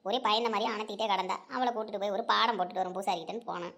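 A woman voicing a sharp-tongued old village grandmother in a cartoon, gruff and scolding. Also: medium pitch, fairly even intonation, rapid-fire. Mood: worried. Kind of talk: cartoon voice acting.

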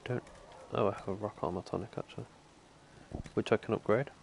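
A man's voice: steady tone, brisk, vocal fry, slight background noise. Tired Brummie man with a cold. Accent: Birmingham. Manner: mumbling, low-energy musing. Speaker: game streamer. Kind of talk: casual stream commentary.

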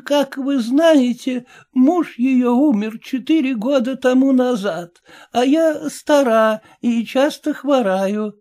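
A man voicing a solemn, stern elderly woman who speaks slowly and grandly. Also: dark tone. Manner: slow, high, stately delivery.

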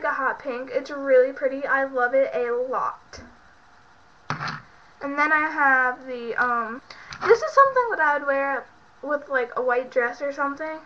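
This beauty vlogger, a young woman who is sick and congested, casually shows off products from her bedroom at home, rambling with lots of fillers in a high voice. The built-in webcam mic captures it as muffled lo-fi audio with slight background noise.

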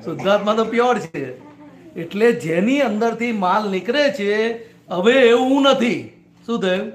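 A man's voice: sits high, animated, measured pace. A man, a spiritual teacher, giving a discourse to a small gathering in a private home and often putting short questions to his listeners. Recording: echoey room.

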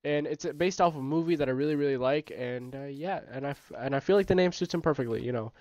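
A man with a stuffy nose giving casual, rambling gameplay commentary as the host of his own gaming channel, often correcting himself and getting excited. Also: on the high side, fast talker, no echo. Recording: dry, slightly dull home recording.

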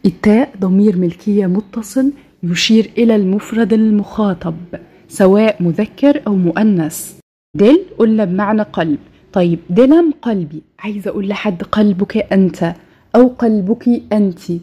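A woman with an Egyptian Arabic accent giving a recorded language lesson, saying each word twice, slowly, for practice. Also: mid-range voice, warm tone, husky, highs cut off. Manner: slow, repeats each word twice for drill. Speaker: language teacher.

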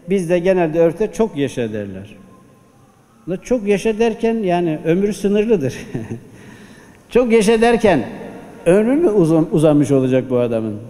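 A man's voice: high voice, warm tone. A man preaching a Friday sermon at a pulpit microphone, exhorting the congregation with rhetorical questions. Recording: long hall reverb.

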